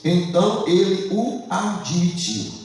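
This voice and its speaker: A man's voice: high-pitched, very animated, slow, darkish tone, far from the mic, soft background music. A man with a Brazilian Portuguese accent, preaching a Bible study sermon and asking his congregation questions. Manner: asks the congregation questions and prompts them to answer aloud. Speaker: pastor. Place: church hall. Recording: very echoey hall, voice from afar.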